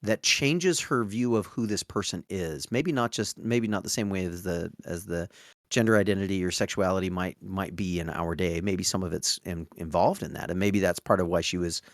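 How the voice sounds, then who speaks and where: A man's voice: deep voice, moderate pace, no room sound, studio quality. A man co-hosting a casual book-discussion podcast who speaks thoughtfully and searches for his words. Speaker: podcast co-host.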